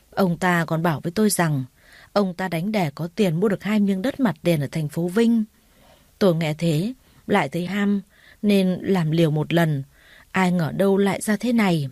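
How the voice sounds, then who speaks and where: A woman's voice: on the low side, dark tone, no echo, clean studio sound, close to an everyday voice. A woman voicing a weak, remorseful older father who speaks in a sighing, pleading tone in a storybook reading.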